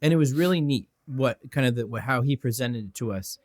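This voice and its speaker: A man's voice: medium pitch, brisk. A man co-hosting a podcast, chatting casually and rambling with lots of "like" and "you know.". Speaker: podcast co-host.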